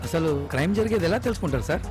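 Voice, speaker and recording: A man's voice: on the high side, lively intonation, racing, music in the background, close to an everyday voice. An actor playing a chatty, cynical male police driver who talks respectfully to his boss. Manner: talkative, deferential, weary. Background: film score.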